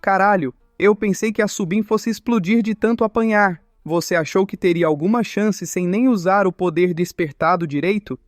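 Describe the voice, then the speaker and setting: A man's voice: high-pitched, moderate pace, few pauses, no room sound, clean studio sound, soft background music, natural voice. A man playing a cocky young male fighter who teases and taunts. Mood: mocking. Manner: teasing, taunting.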